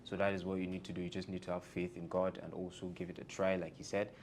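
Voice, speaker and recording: Low-voiced man hosting a casual interview. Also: level tone, fast, a little mellow. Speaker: interviewer and host. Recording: rumbly background noise.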